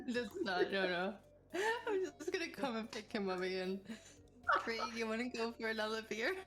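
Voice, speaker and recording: A woman's voice: fairly high pitch, animated, moderate pace, a bit bright, faint music behind. A woman playing a tabletop game over voice chat, giggly and playful. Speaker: player.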